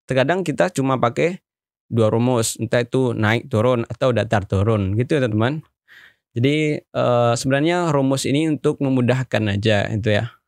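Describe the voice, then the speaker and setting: A man explaining recitation melody in a relaxed, friendly tutorial way. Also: medium pitch, moderate pace, no room sound, studio quality. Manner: relaxed, plain, speaks to viewers as friends. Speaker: recitation teacher.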